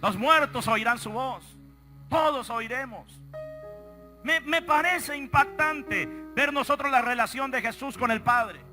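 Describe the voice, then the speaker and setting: A man's voice: very high-pitched, unhurried, faint music behind. A man preaching a dramatic sermon in a large auditorium, telling a story and calling out to the congregation. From Colombia. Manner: dramatic storytelling with sudden shouted calls to the crowd.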